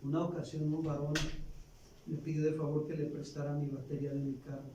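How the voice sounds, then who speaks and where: A man preaching a sermon as pastor, often pausing for the congregation to finish his sentences. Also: a little high, level tone, distant mic, dull audio. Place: church hall. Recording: echoey church, off-mic, faint hiss.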